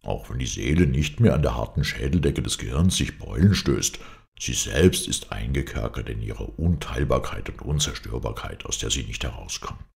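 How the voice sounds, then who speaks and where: A brooding, grief-struck man muses sadly on his fate in a hoarse voice, as a male reader gives him voice. The tone is extremely deep and gravelly, yet the pitch rises and falls widely. This is a storybook reading with a philosophical, mournful manner. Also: lively intonation, normal speed, darkish tone, exaggerated voice. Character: melancholy, brooding man grieving his lost wife and son.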